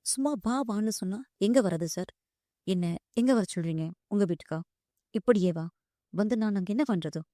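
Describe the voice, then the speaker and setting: A woman's voice: medium pitch, moderate pace, dark tone, no room sound, studio quality, lightly acted. A woman voicing a proud young woman who answers firmly and respectfully. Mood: sharp. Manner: firm and respectful, calls him "sir". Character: proud young working woman, firm and hurt.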